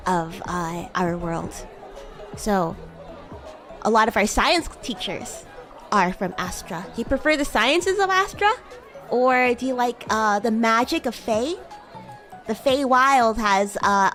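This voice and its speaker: Playing a bratty demon schoolgirl in an improvised roleplay stream, this VTuber chats teasingly with viewers, giggling and addressing the listener as a human. She speaks at a measured pace in a medium-pitched, slightly bright voice, with faint music behind her.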